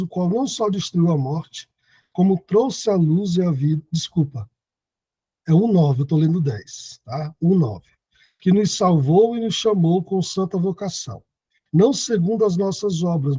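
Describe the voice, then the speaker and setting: Over a video call, a thirtysomething man leads an online Bible study, reading scripture and explaining what it means. He has a high, mellow voice with slight roughness, and there's no room sound at all.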